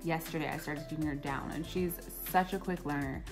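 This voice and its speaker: A woman's voice: low voice, steady tone, a little fast. A young woman chatting casually in a home vlog, bubbly and a little tired, laughing often. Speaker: vlogger. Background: music.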